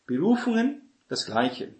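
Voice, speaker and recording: A man's voice: high voice, very animated, unhurried, darkish tone. A man preaching a Bible-teaching sermon in an explanatory way, checking in with listeners through constant tag questions and restarting his sentences. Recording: echoey room.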